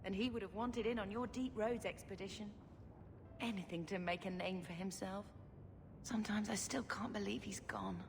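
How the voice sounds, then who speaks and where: An actress playing a gentle, earnest young mage, a devoted younger sister, in a video game. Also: female voice, mid-range voice, steady tone, normal speed, noisy background, lightly acted. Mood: wistful. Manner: earnest, wistful. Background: game music.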